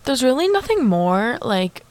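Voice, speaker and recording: A woman's voice: a little high, sing-song, unhurried, a little mellow, no room sound. Bubbly young woman chatting, dry sound. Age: young adult. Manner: bubbly, chatty, full of likes and you-guys asides. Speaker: podcast host. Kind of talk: casual solo podcast chat.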